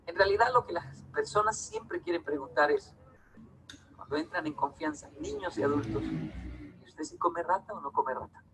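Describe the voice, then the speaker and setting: A man's voice: on the high side, huge pitch swings, normal speed, creaky, noisy background. A man from Colombia, giving a storytelling talk to a live audience and acting out quoted dialogue in different voices. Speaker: public speaker.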